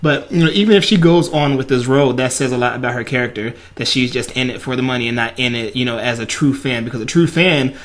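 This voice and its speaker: A man co-hosting a radio talk show, talking in an animated, halting way with lots of "you know" and restarts. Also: medium pitch. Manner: animated, halting, repeats himself, says "you know" a lot. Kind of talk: casual opinion chat.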